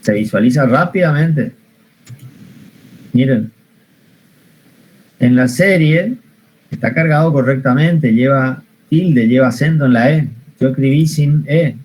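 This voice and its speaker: A man's voice: medium pitch, measured pace, pauses often, a little mellow, breathy edge, rough recording. Patient Argentine man teaching spreadsheets. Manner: patient, repeats steps, asks the class questions. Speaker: computer science teacher. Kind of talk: online spreadsheet lesson.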